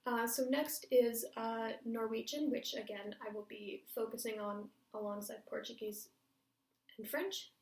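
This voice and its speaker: This language-learning vlogger speaks casually to camera from a home room, cars audible outside, sprinkling in fillers and self-corrections. Her voice is slightly high, a little slow and mellow, with fairly even intonation. Echo from the room and distance from the microphone make her sound somewhat far off.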